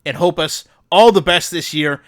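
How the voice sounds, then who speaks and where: A man playing a smug game executive hosting a staff conference call in a parody, speaking with earnest, measured, emphatic corporate politeness. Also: fairly high pitch, a bit bright, natural voice. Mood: politely condescending.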